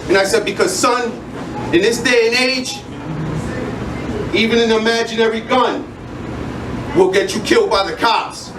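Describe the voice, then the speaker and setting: High-voiced man performing angry slam poetry. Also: fairly even intonation, measured pace, long pauses. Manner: angry, intense, profane. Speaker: spoken word poet. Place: live venue stage. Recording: echoey room, distant mic, noisy crowd.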